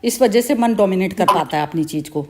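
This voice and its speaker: A woman hosts a spiritual group discussion, speaking fairly quickly in a mid-range voice. She's relaxed and candid, laughing often as she talks.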